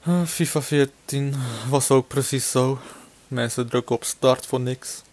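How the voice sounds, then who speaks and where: A young man giving casual, excitable commentary on his own football video game match, shouting at the players. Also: medium pitch, measured pace, no room sound. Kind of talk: casual let's-play commentary. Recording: music playing behind.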